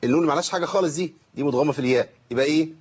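Husky Egyptian man teaching recitation. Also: on the high side, dull audio. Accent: Egyptian Arabic. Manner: chatty, joking, demonstrates recitation slowly. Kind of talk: live call-in recitation lesson.

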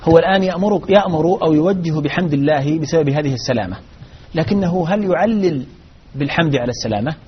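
A man teaching Arabic grammar in a live lesson, explaining in a measured way with frequent restarts. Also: a little high, slightly rough. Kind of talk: live lesson answering questions. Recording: dull lo-fi recording.

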